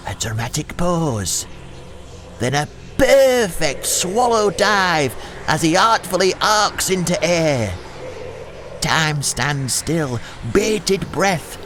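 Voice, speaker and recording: A man's voice: high-pitched, fairly bright tone, a little hiss or hum, exaggerated voice. A man playing a cheeky boyish comic performer with a brash, showy manner. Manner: brash, showy, rolling alliterative verse. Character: cheeky boyish comic partner Little Jimmy. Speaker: comic stage act.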